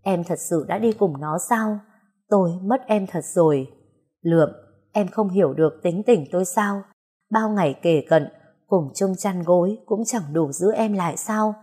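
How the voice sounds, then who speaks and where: A hot-tempered young master, lovesick and used to having his way, voiced by a woman storyteller. He barks orders and threats in a loud, commanding way, and the voice stays fairly low for a woman. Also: measured pace, husky. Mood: heartbroken.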